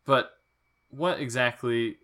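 Bright-voiced podcast co-host man. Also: mid-range voice, takes it slowly. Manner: joking, asks rambling questions. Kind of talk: casual podcast chat.

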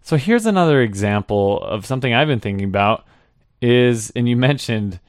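A man's voice: lowish voice, clear, resonant tone, no echo, clean studio sound. A young man hosting a podcast, asking questions in a hesitant way and laughing easily. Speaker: podcast host. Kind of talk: casual interview talk.

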